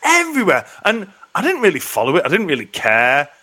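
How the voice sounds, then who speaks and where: A man's voice: sits high, huge pitch swings, brisk, pushed and bright. A middle-aged man co-hosting a podcast in casual chat, sweary and self-deprecating. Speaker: podcast co-host.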